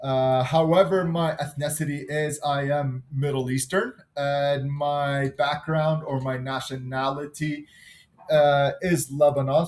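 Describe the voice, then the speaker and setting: Relaxed man in his thirties presenting live. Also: mid-range voice. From Canada. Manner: relaxed, unscripted, pauses while working on screen. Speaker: engineer presenting a class assignment. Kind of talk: live screen-recorded class presentation.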